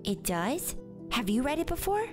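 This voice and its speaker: A woman's voice: high voice, big pitch swings, moderate pace. A woman voicing a sick young girl who is eager and full of questions. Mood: curious. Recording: music bed underneath.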